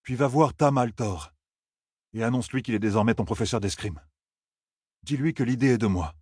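A man doing a firm, steady young man. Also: medium pitch, moderate pace, slightly rough, no room sound, clean studio sound, voice pushed up, close to an everyday voice.

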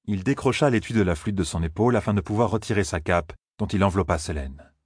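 Low-voiced man narrating a fantasy audiobook. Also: fast talker, slightly rough, dry recording, clean studio sound. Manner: steady, expressive reading.

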